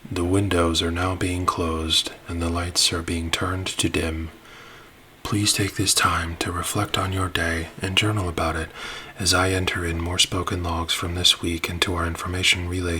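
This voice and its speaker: A man narrating a space-ship ASMR roleplay in a soft, soothing voice that drops into whispers. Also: low voice, a little hiss or hum.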